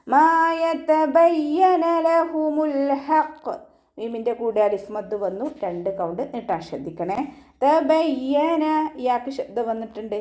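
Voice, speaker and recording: A woman's voice: medium pitch, mellow. A woman teaching Quran recitation rules step by step in a patient, instructive way. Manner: patient step-by-step instruction, ends lines with "kettō"; slow drawn-out chanted recitation of verses. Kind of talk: tajweed lesson, explaining and reciting.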